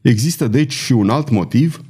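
A man's voice: mid-range voice, expressive, mellow, husky. A man voicing a tense, fearful male courier in an audiobook, his voice rising when he is cornered. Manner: anxious, defiant, voice rising under pressure. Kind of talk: audiobook character voice.

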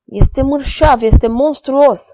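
A woman reads the part of a young duchess, frightened but defiant, in a storybook tale. Her voice is high and urgent, pleading yet firm. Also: mellow, natural voice.

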